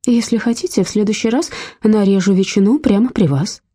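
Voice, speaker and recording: A woman's voice: mid-range voice, a little fast, warm tone, husky, no echo, clean studio sound, pitched above the performer's own voice, lightly acted. A woman voicing a good-natured, chatty female carer in a read-aloud story. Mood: cheerful.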